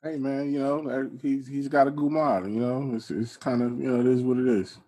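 A man's voice: medium pitch, steady tone, brisk, mellow. Laid-back man on a podcast. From Atlanta. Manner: laid-back, wry asides. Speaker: podcast co-host. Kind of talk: casual chat.

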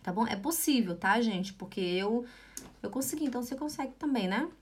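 A Brazilian woman with a Brazilian Portuguese accent teaching German in a live online lesson, drilling words slowly and repeating them over and over, sometimes shushing to show a sound. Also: on the high side, a little hiss or hum. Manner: slow, exaggerated pronunciation drills; encouraging, repeats herself often.

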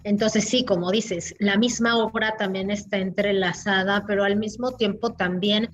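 A woman, co-hosting a casual film review chat, animated and full of restarts. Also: medium pitch, normal speed, a little hiss or hum. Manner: animated, talks through restarts and fillers. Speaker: film podcast co-host.

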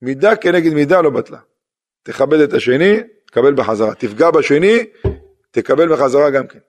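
A middle-aged rabbi giving a sermon, driving points home with rhetorical questions and repetition. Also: male voice, a little high, animated.

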